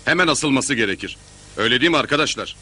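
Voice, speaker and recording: Period drama innkeeper: sharp, forceful mid voice, respectful but pushy. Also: male voice, medium pitch, lively intonation, rapid-fire, a little hiss or hum. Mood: insistent, deferential. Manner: deferential but pressing, formal. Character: insistent, deferential male innkeeper accusing before his governor.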